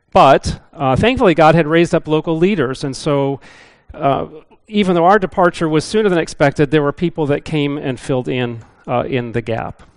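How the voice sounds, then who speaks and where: A middle-aged man, a visiting missionary, giving a casual, self-deprecating church talk with frequent "uh" fillers. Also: on the high side. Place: church building.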